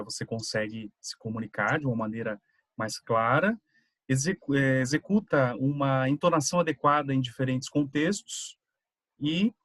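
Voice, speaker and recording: A man's voice: medium pitch, a bit bright, no echo. A Brazilian Portuguese-speaking man giving a student seminar presentation, explaining with everyday examples and frequent tag questions. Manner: conversational, explaining with examples and filler "né".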